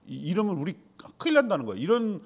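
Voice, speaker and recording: A man's voice: sits high, big pitch swings, fast talker. A man preaching a sermon in a conversational way, asking the congregation questions and answering them himself. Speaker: pastor.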